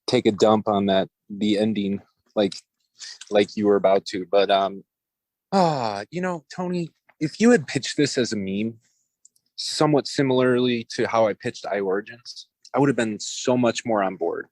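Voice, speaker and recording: A man's voice: fairly low pitch, moderate pace, darkish tone, no room sound, low-quality recording. A man co-hosting a movie podcast, giving blunt, rambling opinions in casual talk. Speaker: podcast co-host.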